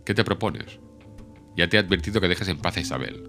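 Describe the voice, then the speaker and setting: A man reading the lines of a proud, fiery young woman in an audiobook, sharp and imperious. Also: low-pitched, fairly quick, faint music behind.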